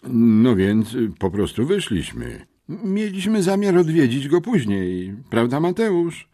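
A man's voice: medium pitch, sing-song, normal speed, darkish tone, breathy edge, dry recording, studio quality, voice pushed up. A man doing a stammering, scared teenage boy. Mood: pleading. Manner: stammering, pleading.

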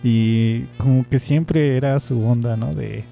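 Gravelly-voiced Mexican man telling stories. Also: medium pitch, slow pace, warm tone, faint music behind. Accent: Mexican Spanish. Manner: rambling, slangy, laughs often. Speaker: amateur radio-style host. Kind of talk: casual personal storytelling.

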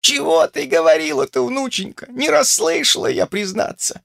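Brief: old village crone, read by a man, mumbling, high, swooping, grumbling storybook voice. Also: big pitch swings, normal speed, creaky, fairly bright tone, no echo, studio quality, exaggerated voice. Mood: lamenting. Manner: toothless mumble, lamenting and cursing.

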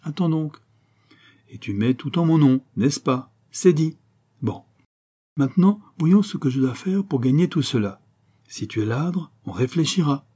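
Man doing a bluff crook, teasing, scheming, dark tone, husky. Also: on the high side, expressive, measured pace, pitched above the performer's own voice. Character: jovial, scheming male crook.

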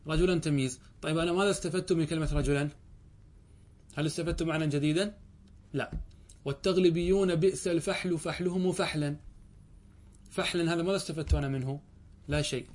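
With a fairly high voice, a man gives a grammar lesson, reading lines of text slowly before explaining them. He frequently poses a question and then answers it himself.

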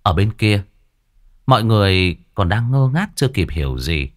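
A man telling a ghost story. His low voice swings widely, rising and falling with the drama of each scene. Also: very animated, normal speed.

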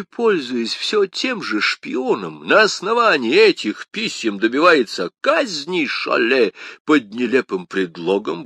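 A man reading an audiobook, voicing a boastful, hearty male musketeer who talks loudly and with indignant exclamations. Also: mid-range voice, no room sound, exaggerated voice.

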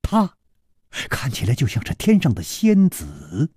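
Slow, expressive male storyteller. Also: mid-range voice, slightly rough, no echo, clean studio sound. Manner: expressive and measured. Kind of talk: Chinese storytelling narration.

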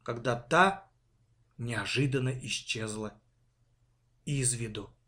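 A man narrating a children's story in a dramatic, expressive reading. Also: medium pitch, slow pace.

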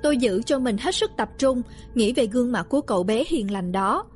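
A woman narrating a first-person ghost story in a steady, hushed storytelling manner. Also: fairly high pitch, brisk, soft background music. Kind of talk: scripted horror narration.

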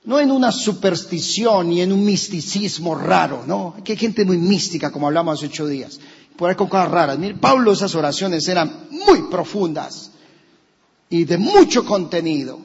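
Colombian pastor guy preaching, husky high voice, dull recording w/ long church echo. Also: moderate pace. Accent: Colombian Spanish. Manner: animated preaching, acts out quoted voices, rises to shouts. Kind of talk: sermon.

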